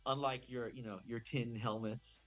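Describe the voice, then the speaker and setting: A man's voice: medium pitch, fairly even intonation, moderate pace, a bit bright, faint music behind. A man acting as game master, narrating a tabletop game in a rambling, improvised way, full of fillers and self-corrections.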